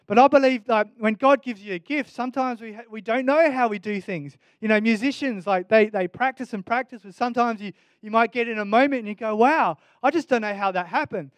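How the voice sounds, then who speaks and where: A man's voice: extremely high pitch, dry recording. A male pastor giving a sermon in an earnest, conversational way, often restarting his sentences.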